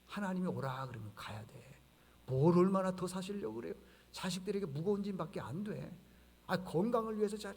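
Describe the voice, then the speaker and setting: A man's voice: high voice, darkish tone, husky, in a large hall. A male pastor preaching a sermon in a conversational way, asking the congregation rhetorical questions and acting out dialogue. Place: church sanctuary.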